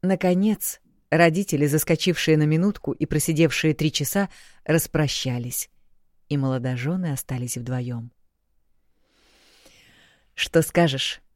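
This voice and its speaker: A woman reads an audiobook in an even storytelling manner. Her voice sits low with a dark, mellow tone, recorded dry and close. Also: moderate pace, no room sound. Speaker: audiobook narrator. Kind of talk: scripted narration.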